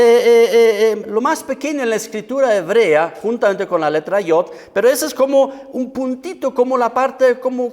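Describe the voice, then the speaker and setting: Lively, high-pitched male preacher in a reverberant hall. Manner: explanatory, asks the audience often; reads scripture slowly and emphatically. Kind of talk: Bible teaching sermon.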